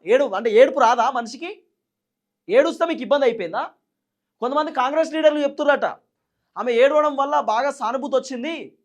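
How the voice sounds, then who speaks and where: A man with a Telangana Telugu accent giving political commentary, firing off indignant rhetorical questions. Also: very high-pitched.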